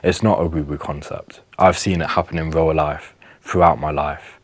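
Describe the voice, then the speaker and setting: A man's voice: extremely low pitch, steady tone, normal speed, no echo. A young man talking earnestly to camera, giving health advice with emphasis and some restarts. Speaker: wellness vlogger. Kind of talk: casual advice monologue to camera.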